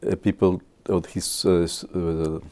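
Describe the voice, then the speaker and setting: A man in his sixties from Guatemala, speaking English, shares memories with students in a halting way, full of filler pauses. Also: sits low, level tone, dark tone. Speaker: physicist. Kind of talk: reminiscing talk to students.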